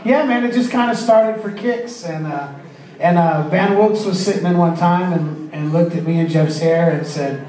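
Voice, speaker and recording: Casual musician, laid-back; very roomy, far-off sound. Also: male voice, fairly high pitch, moderate pace, a little mellow, soft background music. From Corpus Christi, Texas. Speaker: musician guest.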